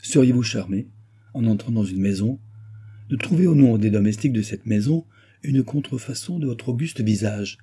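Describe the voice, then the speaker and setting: Man voicing a mysterious sorcerer, audiobook, assured, mocking, dark husky tone. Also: medium pitch, expressive, normal speed. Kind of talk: audiobook reading.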